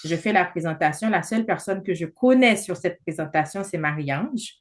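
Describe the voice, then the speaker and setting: A woman in her thirties talks a group through a business presentation on a video call. Her voice sits a little low for a woman. She is chatty and persuasive and fills her sentences with hesitations. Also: normal speed. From not from Canada. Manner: chatty, many fillers, persuasive.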